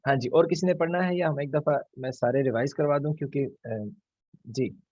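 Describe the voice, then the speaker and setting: A husky man leads an online recitation class, patiently sounding out each letter slowly and repeating it as a model. His voice comes through dry, with a slightly dull lo-fi quality from the call. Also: medium pitch, darkish tone, no room sound. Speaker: Quran recitation teacher. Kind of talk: online tajweed lesson.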